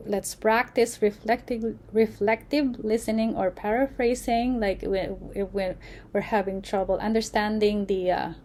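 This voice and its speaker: Slow halting woman lecturing. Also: medium pitch, dark tone, slight background noise. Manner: halting, many fillers and restarts. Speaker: presenter. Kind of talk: unscripted lecture.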